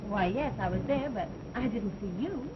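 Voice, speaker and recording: A woman's voice: mid-range voice, expressive, moderate pace, close to an everyday voice. An actress playing a polite young woman, the daughter of a railroad engineer. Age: young adult. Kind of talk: 1930s film acting. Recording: dull, very hissy early sound film.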